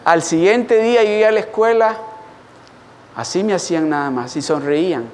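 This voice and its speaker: A man preaching a sermon as pastor, an animated storyteller calling on the congregation to respond. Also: high-pitched, normal speed, in a large hall, a little hiss or hum.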